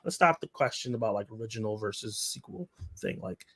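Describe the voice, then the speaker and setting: Lively, laughing male stream host. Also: lowish voice, fairly quick. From Jamaica. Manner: animated, laughs often, reads chat aloud. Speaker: livestream host. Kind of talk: casual live-stream chat.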